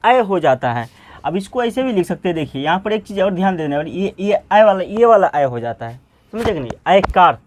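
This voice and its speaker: High-voiced man teaching pronunciation. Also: very animated. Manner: repeats questions and answers them himself; spells words out slowly letter by letter. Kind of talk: Hindi classroom-style lesson.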